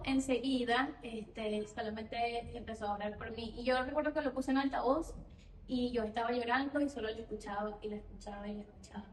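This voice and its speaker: A young Venezuelan woman with a Venezuelan accent, giving an earnest personal testimony at church, often repeating her phrases and pausing on fillers. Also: a little high, a little hiss or hum. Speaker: church speaker. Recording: echoey room heard from a distance.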